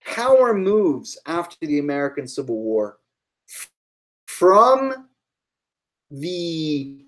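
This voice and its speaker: A woman's voice: sits low, big pitch swings, takes it slowly, poor audio. A woman giving a live-streamed history lecture to online students, thinking aloud with fillers and asides.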